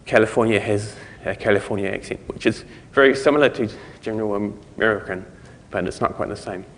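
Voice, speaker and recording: A man's voice: on the low side, brisk, big-room sound, a little hiss or hum. A man giving a conversational conference talk, explaining things step by step. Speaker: conference speaker.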